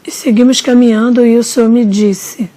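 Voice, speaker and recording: A woman narrating a religious testimony in a solemn, measured storytelling manner. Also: fairly high pitch, fairly even intonation, warm tone. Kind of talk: slow dramatic testimony narration.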